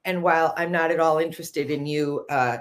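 Chatty woman host with a lowish voice. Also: steady tone, brisk. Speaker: show host. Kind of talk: casual conversational interview.

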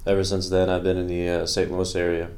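A man's voice: sits low, completely flat delivery, fairly quick, a little mellow. A man in his late twenties from Bosnia, talking earnestly as a podcast guest, rambling with fillers. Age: late 20s. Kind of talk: casual interview talk.

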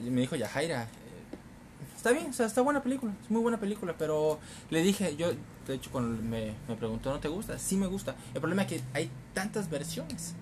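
Man, Mexican accent, casual storyteller, very lively pitch, mid voice, faint background noise. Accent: Mexican Spanish. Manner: animated storyteller, acting out characters with swearing and laughter. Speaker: podcast co-host. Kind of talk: casual chat.

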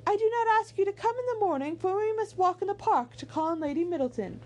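Woman voicing a genteel older mother, high airy voice, courteous, period storybook. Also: animated, fast talker, darkish tone. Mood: gracious.

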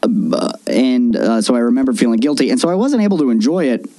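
A young man talks casually on a podcast in a mellow, dark-toned voice, wandering through his points with fillers and restarts. The recording is dry and close to the mic. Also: medium pitch, big pitch swings, fast talker, dry recording. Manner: rambling, with many fillers and restarts. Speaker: podcast co-host. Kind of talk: casual chat.

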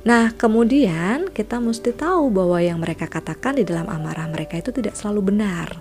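A woman child counselor giving a parenting lesson in a calm, gentle way, often dropping to a soft whisper. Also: medium pitch, brisk, faint music behind.

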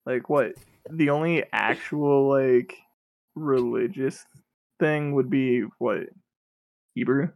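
Young podcast dude, shrugs stuff off, wry, mid-pitched voice. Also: male voice, slow pace, gravelly, long pauses, dry recording, lo-fi sound. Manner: offhand, dismissive, wry. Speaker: podcast co-host. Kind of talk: casual chat.

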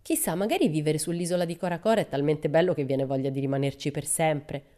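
A woman's voice: low voice, fast, mellow, natural voice. A woman voicing a boisterous, cheerful young girl adventurer who keeps exclaiming with delight, in a storybook reading. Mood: exuberant. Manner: exuberant, exclaiming.

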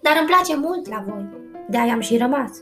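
A woman's voice: a little high, animated, fairly bright tone, soft background music. A woman doing a showy mischievous cat. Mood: coaxing. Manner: showy, coaxing. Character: boastful, mischievous cat in a hat.

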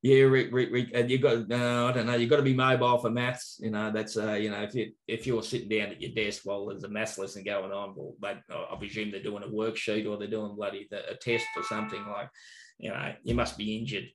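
A man's voice: on the low side, flat delivery, fairly quick. An Australian man, a teacher, telling casual anecdotes in an interview, laughing often and swearing freely. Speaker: teacher and maths trainer. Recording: roomy echo.

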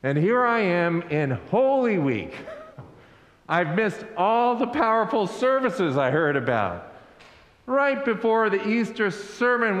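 A male pastor preaching an Easter sermon in a slow, deliberate way. He asks the congregation to repeat lines after him. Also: high voice, a bit bright. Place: church sanctuary. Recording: echoey hall with long reverb.

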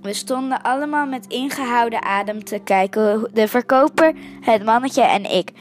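A woman's voice: fairly high pitch, normal speed, faint music behind. A woman reading a children's story aloud, stumbling and correcting herself over words. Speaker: story reader.

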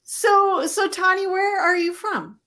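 A woman raised in Canada hosting a casual live-stream interview, chatty and quick to laugh. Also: very high-pitched, bright, forceful tone. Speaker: podcast host.

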